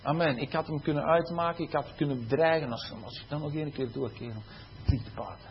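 A man's voice: fairly high pitch, fast, muffled recording, a little hiss or hum. Man giving a chatty sermon. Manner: conversational, acts out quoted pupils. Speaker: teacher and preacher. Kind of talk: sermon testimony.

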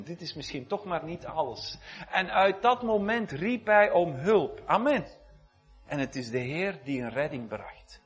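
A preacher with a fairly high voice delivers his sermon like a conversation. He muses aloud, doubles back on his words and clears his throat often.

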